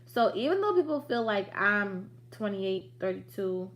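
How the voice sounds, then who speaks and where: A woman in her late thirties hosts a casual business livestream in a mid-range, sing-song voice, never hurrying. She's chatty, direct, and motivating, tossing in slangy asides.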